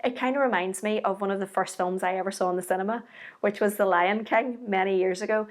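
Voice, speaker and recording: A woman delivers a short devotional sermon, speaking earnestly and warmly to the listener as though in conversation. Her pitch sits in an ordinary middle range, and she leans in to encourage rather than to preach loudly. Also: fairly even intonation, quick pace. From Ireland. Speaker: speaker giving a devotional message.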